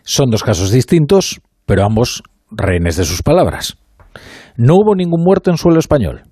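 A radio host from Spain delivering a measured, ironic opinion monologue in a studio, with faint music underneath. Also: male voice, medium pitch, very animated, warm tone, husky, no room sound.

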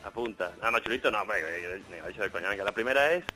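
A man's voice: fairly low pitch, lively intonation, fast talker, music in the background, poor audio. A man calling in to a Spanish radio show, insistent and confident in his answers. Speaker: caller. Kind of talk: phone-in contest answers.

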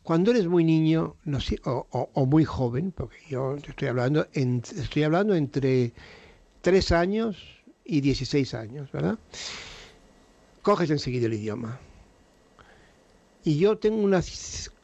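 Older man, gravelly, dry studio sound, frank and salty, radio guest. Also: fairly high pitch, animated, measured pace, pauses often, dark tone, dry recording, lo-fi sound. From Spain. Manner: storytelling, frank and salty, with restarts. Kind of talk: radio interview.

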